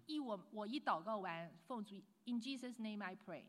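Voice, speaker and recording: A woman preaching a sermon with lively emphasis, dropping to hushed asides and mixing in English phrases. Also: medium pitch, normal speed. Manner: swings between loud emphatic lines and hushed asides. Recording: long hall reverb.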